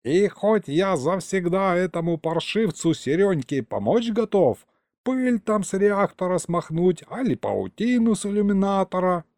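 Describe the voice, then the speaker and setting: A man voicing a grumpy, boastful old grandfather who tells stories in a drawn-out, sing-song folksy way. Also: high voice, very animated, a little mellow, no echo, clean studio sound, pitched above the performer's own voice, full character voice. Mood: rambling. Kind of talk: audiobook character voice.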